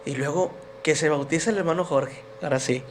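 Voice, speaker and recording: A man appears as a podcast guest to share his personal faith testimony, telling his story earnestly and emotionally. His voice is on the high side and brisk, with slight background noise.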